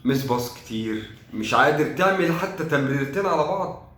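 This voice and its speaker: A man's voice: a little high, expressive, brisk, a bit bright, reverberant. A young man with an Egyptian accent giving a sarcastic, exasperated casual review of a football match, thinking aloud as he goes. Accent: Egyptian Arabic. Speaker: football fan commentator.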